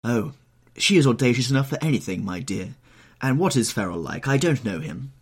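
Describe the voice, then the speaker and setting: A man's voice: medium pitch, expressive, brisk, husky, voice pushed up. A man voicing a witty, teasing older society lady in an audiobook, exclamatory, arch and playfully scolding. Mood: curious, exclaiming. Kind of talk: audiobook character voice.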